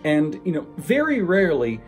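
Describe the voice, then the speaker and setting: A man's voice: on the high side, huge pitch swings, moderate pace, faint music behind. A man talking casually and at length about his work as a voice actor, in a rambling, conversational way with emphatic stresses. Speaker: amateur voice actor. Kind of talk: casual monologue on voice acting.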